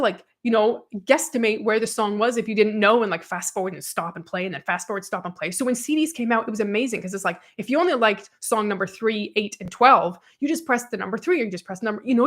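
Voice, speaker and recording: A woman in her thirties co-hosting a podcast, chatting casually and reading viewer comments aloud, animated and quick to laugh. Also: fairly high pitch. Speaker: podcast co-host.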